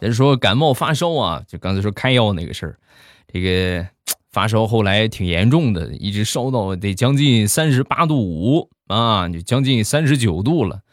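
A man's voice: lowish voice, normal speed, no echo, clean studio sound. A man hosting a show, telling comic stories in a chatty way. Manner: chatty, animated. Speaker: joke-telling host. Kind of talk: comic storytelling.

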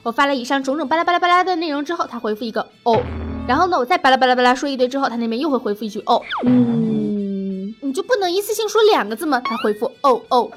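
A woman's voice: sits high, animated, racing. A woman hosting a podcast, delivering a snarky, teasing comedic monologue. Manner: snarky, teasing, mock-exasperated. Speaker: podcast host. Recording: music bed underneath.

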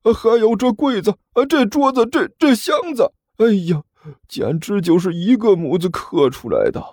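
Brief: a man playing an old master, drawn-out slow speech, stubborn, lively raised pitch. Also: no room sound, studio quality. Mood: sentimental, insistent. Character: older male master, sentimental and stubborn.

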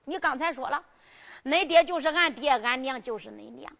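A woman's voice: high voice, animated, moderate pace, creaky, fairly bright tone, in a large hall, exaggerated voice. A woman playing an emperor who coaxes and persuades his hot-tempered sworn brother in a storytelling performance. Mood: persuasive, insistent. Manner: coaxing, persuasive, pleading. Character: scheming, coaxing male emperor, older sworn brother.

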